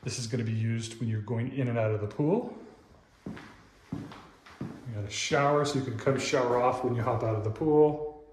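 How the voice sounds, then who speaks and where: A real estate agent gives an upbeat, casual tour of a large empty house for sale, pointing out features as he walks. His medium-pitched voice has a darkish tone, a moderate pace and frequent pauses, and the empty indoor rooms echo with faint room noise.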